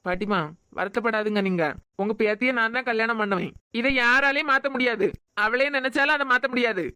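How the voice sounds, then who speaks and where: A woman with a Kanyakumari Tamil accent voicing a teasing, devoted young male doctor in a cartoon, scolding in quick banter. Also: a little high, bright, forceful tone, smooth, no echo, clean studio sound. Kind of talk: cartoon voice acting.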